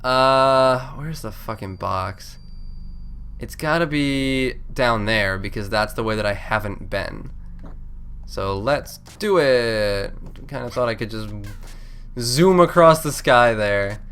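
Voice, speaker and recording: With game music in the background, this congested-sounding man narrates a let's play in a loose, rambling style, interrupting himself and cursing openly. His medium-pitched voice is slow, clear, resonant and slightly bright.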